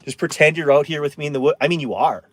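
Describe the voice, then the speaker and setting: A man's voice: fairly high pitch, fast, no echo, studio quality. A man in his thirties chatting casually on a live stream from inside his camper van, rambling and answering viewer comments.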